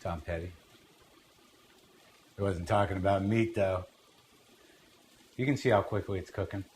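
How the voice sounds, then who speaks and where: A man's voice: low voice, fairly even intonation, a little slow, a little mellow. A man hosting a casual cooking demonstration, talking bluntly with rambling, profane asides. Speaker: cooking show host. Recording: faint noise, sizzling pan.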